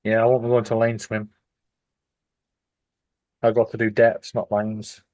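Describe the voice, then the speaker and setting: A man's voice: lowish voice, completely flat delivery, measured pace, darkish tone, no echo. A man hosting a live stream, chatting casually with wry banter and the odd swear.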